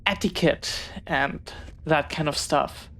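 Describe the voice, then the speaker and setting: In a one-sided audio roleplay, a woman voices a young pirate captain's child who is bookish, curious, and eager to make friends. Her lowish, somewhat bright voice is exaggerated and unhurried, and she chats in careful, well-spoken phrases with a hint of hesitance. There's slight background noise.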